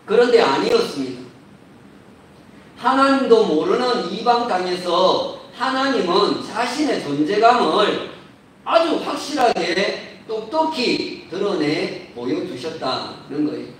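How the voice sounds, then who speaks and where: A man preaching a sermon as a pastor, measured and building to emphatic points, recorded in a church sanctuary. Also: high-pitched, very animated, a bit bright, slight background noise. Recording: roomy echo, distant mic.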